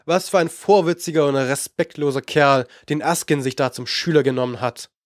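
A man reads a scheming old sorcerer who talks down to everyone, sneering and impatient in his storybook scenes. The voice sits somewhat high, and the recording is close and dry. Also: normal speed, dry recording, natural voice. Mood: condescending. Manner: condescending, impatient. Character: scheming, mocking older male sorcerer.

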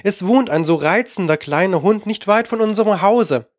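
A man's voice: high voice, lively intonation, a little slow, no echo, studio quality. A man voicing a polite, curious young girl who talks eagerly and coaxingly.

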